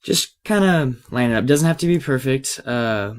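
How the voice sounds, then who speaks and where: Thinking out loud and pausing as he goes, a tutorial presenter with a cold walks through software in an unscripted, casual way. His voice is slightly raspy, medium-pitched and expressive, and he keeps a moderate pace.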